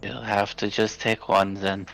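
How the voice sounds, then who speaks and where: A man's voice: fairly low pitch, flat delivery, a little slow, gravelly, fairly bright tone, faint music behind, rough recording. A man playing a tabletop game, answering in character in a dry, matter-of-fact way. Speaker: player. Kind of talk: casual in-character tabletop play.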